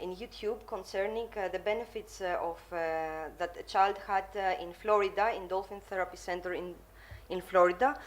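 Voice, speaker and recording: A woman giving a conference presentation as a psychologist, in halting, hesitant phrases. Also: fairly low pitch.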